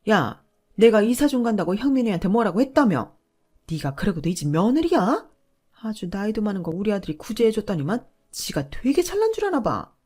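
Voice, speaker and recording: A woman reading as a booming scornful mother-in-law. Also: lively intonation, moderate pace, darkish tone, natural voice. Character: domineering loud older mother-in-law.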